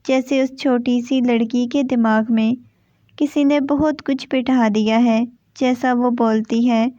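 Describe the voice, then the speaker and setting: A woman narrates a romance novel with a high voice and a steady storytelling pace. The recording is dry, with no room sound. It also sounds slightly dull and lo-fi. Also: no echo. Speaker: novel reader.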